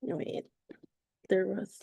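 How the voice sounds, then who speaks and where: Woman in her forties, coach presenting slides online, mellow tone, dry computer mic. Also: no echo. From Philippines. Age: 40s. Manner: halting, with frequent fillers and self-corrections. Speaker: perimenopause coach.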